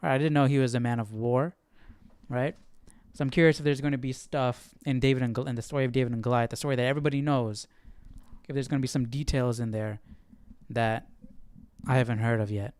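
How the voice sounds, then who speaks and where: Speaking fairly quickly in a steady, mid-range voice, a Bible study livestream host thinks out loud conversationally and casually asks for agreement as he comments. His tone is darkish, clear and resonant, and there's no echo.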